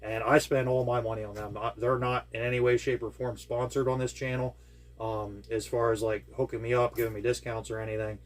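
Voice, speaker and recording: A man's voice: medium pitch, little pitch movement, a little fast. A man hosting his own hobby channel, walking through a build in a casual, enthusiastic way, rambling and full of ums and uhs, talking indoors at home. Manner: enthusiastic, rambling with many fillers. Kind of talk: casual product walkthrough. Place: indoors at home with air conditioning.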